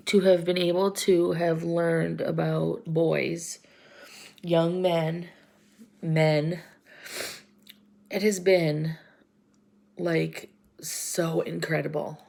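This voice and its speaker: Woman, 40s, personal vlog; near tears, halting, slips into whispers; lowish, gravelly, slow. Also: little pitch movement, warm tone. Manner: tearful, halting, often drops to a whisper. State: close to crying. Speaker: vlogger.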